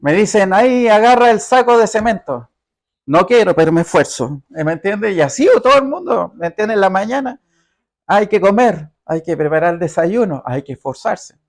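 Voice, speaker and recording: A man preaching a conversational sermon in a church, reading scripture slowly and often checking in with the congregation. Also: high-pitched, sing-song. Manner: reads scripture aloud with slow emphasis. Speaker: pastor.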